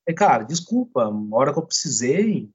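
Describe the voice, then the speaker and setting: A man with a slightly husky Brazilian Portuguese voice tells a story in relaxed, chatty fashion. He keeps slipping into other people's voices to replay conversations and leans on fillers like "cara". The sound is a little dull and lo-fi. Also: medium pitch, brisk. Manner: animated, quotes others in dialogue, frequent "cara" and "né". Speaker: podcast guest, butcher. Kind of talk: casual storytelling.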